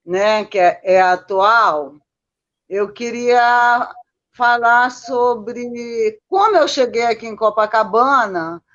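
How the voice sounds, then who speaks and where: A Brazilian woman, born in Manaus but raised mostly in Minas Gerais, chats casually as a guest and Copacabana resident, sharing personal stories. She constantly seeks agreement with tag questions. Her voice is fairly high, a bit bright and slow-paced, and the recording has its highs cut off.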